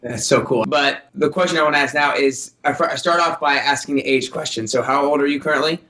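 A man asks questions as a casual interviewer. His voice sits at an average pitch for a man and sounds roomy, with noticeable echo. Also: fairly even intonation, fast, sharp tone.

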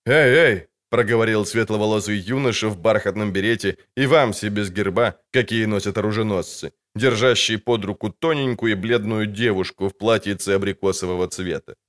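A man narrating an audiobook in an expressive storytelling manner. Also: lowish voice, a little fast, few pauses. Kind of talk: scripted narration.

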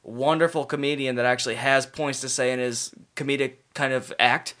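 A man's voice: medium pitch, fairly even intonation, fairly quick, fairly bright tone. A man hosting a casual podcast, talking in an enthusiastic, rambling and profane way. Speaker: podcast host. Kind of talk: casual chat.

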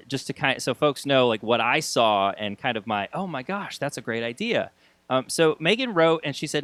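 A man hosting a podcast, talking conversationally with halting phrasing and repeated words. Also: medium pitch, fairly bright tone, no echo. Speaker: podcast host. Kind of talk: conversational podcast intro and interviewing.

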